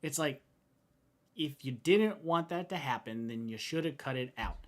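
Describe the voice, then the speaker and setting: A man's voice: medium pitch, animated, moderate pace. A man co-hosting a casual movie review chat who talks conversationally and builds his points through comparisons. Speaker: co-host.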